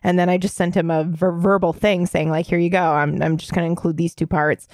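A woman's voice: lowish voice, level tone, a little fast, darkish tone, no echo, studio quality. A woman co-hosting a podcast in casual chat, rambling and laughing often. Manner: giggly, rambling, laughs a lot. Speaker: podcast co-host.

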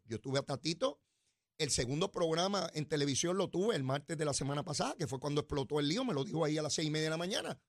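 A middle-aged man with a Puerto Rican accent hosting a political talk show, combative and mocking, swinging between loud and quiet, talking into a studio mic. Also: sits high, no room sound. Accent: Puerto Rican Spanish. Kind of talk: political commentary monologue.

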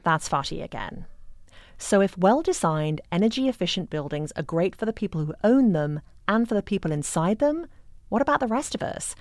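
A woman hosting a podcast, reading a scripted narration in a measured, clear way. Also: mid-range voice, big pitch swings, darkish tone, dry recording, clean studio sound. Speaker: podcast host.

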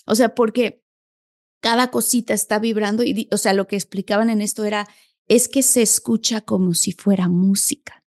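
A woman's voice: mid-range voice, fairly even intonation, normal speed, a little mellow, no room sound, clean studio sound. A woman hosting a podcast who speaks enthusiastically and casually, explaining ideas in simple terms. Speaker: podcast host. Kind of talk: casual spiritual conversation.

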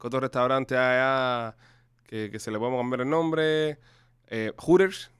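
Co-host, smooth clear voice, teasing questions, dry studio. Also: male voice, medium pitch, moderate pace, fairly bright tone, no room sound. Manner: playful, teasing follow-up questions. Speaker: co-host interviewer. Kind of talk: comedic casual banter.

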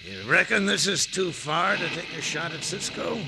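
Mean old-west bully bad guy, american western accent, high creaky voice, noisy old drama recording. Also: very animated, moderate pace. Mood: vengeful. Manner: gruff, threatening. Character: bullying, vengeful Western outlaw man.

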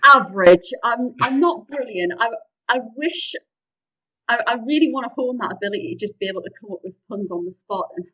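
Talking casually about her performing as an interview guest, a Geordie-accented improv comedian from Newcastle upon Tyne in northeast England sounds animated and a little fast. Her pitch sits on the high side and her tone is fairly bright, though the lo-fi recording comes across dull and distant.

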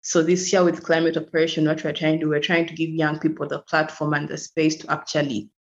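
A woman's voice: low-pitched, little pitch movement, quick pace. A young woman from Uganda, a climate activist, talking earnestly as a podcast guest and laughing easily. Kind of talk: podcast interview over a call. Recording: dull lo-fi remote audio.

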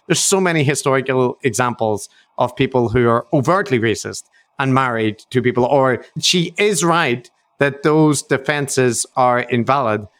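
A man's voice: mid-range voice, a bit bright. A man co-hosting a podcast, talking things through with fillers and the odd swear. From Northern Ireland. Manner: thoughtful, many fillers, swears casually. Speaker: podcast co-host. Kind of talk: casual discussion.

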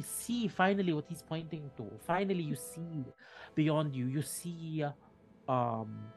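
A man narrating a tabletop game as dungeon master, halting and restarting mid-sentence. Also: a little high. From Philippines.

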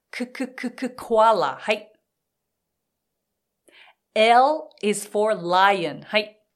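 A woman teaching English phonics, modelling each word slowly and drilling single letter sounds for the listener to repeat. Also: lowish voice. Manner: slow, exaggerated model words, crisp sounds.

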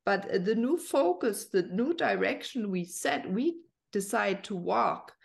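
Gravelly-voiced woman hosting a spiritual talk. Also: mid-range voice, lively intonation, measured pace. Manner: gentle, searching phrasing with many fillers. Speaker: podcast host.

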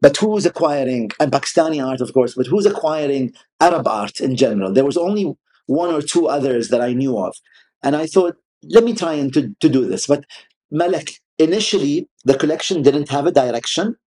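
In a conversational interview, an art collector whose native language is Arabic talks hesitantly, with frequent restarts and fillers. His mellow voice sits on the high side, sounds expressive, and moves fairly quickly.

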